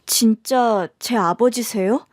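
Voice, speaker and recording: A woman voicing a stunned young daughter who speaks slowly and quietly in disbelief in a radio drama. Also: a little high, dry recording, clean studio sound.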